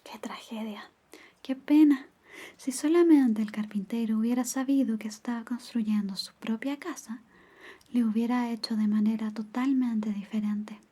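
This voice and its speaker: Casting: actress as tender girlfriend for ASMR ASMR role-play, soft mellow tone, very breathy, storybook intimacy. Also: on the high side, fairly even intonation, normal speed. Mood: gentle, reflective. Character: caring, teasing girlfriend reading bedtime stories.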